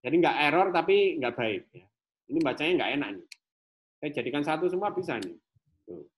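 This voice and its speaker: A man's voice: on the high side, very animated, fast talker, slight background noise. A male programming lecturer with an Indonesian accent, casually explaining code in a live class, repeating himself as he thinks aloud. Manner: repetitive, thinks aloud while demonstrating.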